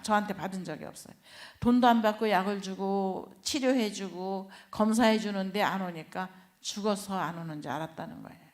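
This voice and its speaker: Woman telling a heartfelt church testimony. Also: medium pitch. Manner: heartfelt storytelling, acts out quoted speech. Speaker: missionary giving testimony.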